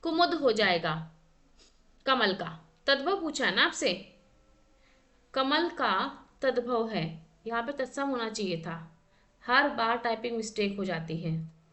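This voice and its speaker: Woman teacher going through quiz questions, high pitched and really bright, asks then answers herself. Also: lively intonation, a little slow, long pauses. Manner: quizzing, reads out options then asks for the answer; corrects herself aloud, thinking through answers. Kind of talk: exam practice lesson.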